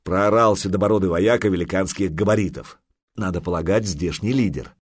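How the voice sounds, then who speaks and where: Guy reading an audiobook, lowish voice, dry close mic. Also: brisk, slightly rough, no echo. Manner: lively, expressive storytelling. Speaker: narrator. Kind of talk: audiobook narration.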